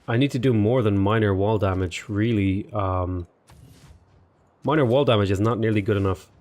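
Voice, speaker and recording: In a casual let's play, a gaming YouTuber talks through a strategy game at normal speed, his voice lowish and darkish. He rambles, thinks aloud and addresses his units, sounding sniffly and slightly under the weather.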